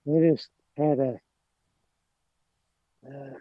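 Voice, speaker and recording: Speaking very slowly in a mid-range voice with fairly even intonation, a middle-aged Appalachian man who owns a lawn care business chats as a podcast guest. He rambles hesitantly and often trails off, captured in a dry recording that sounds narrow and tinny.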